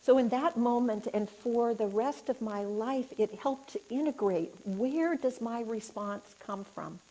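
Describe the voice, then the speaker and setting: A woman's voice: a little high, mellow, low-quality recording. A woman speaker and life coach telling a personal story in a reflective talk, earnest and questioning the audience. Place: spiritual center hall, indoors.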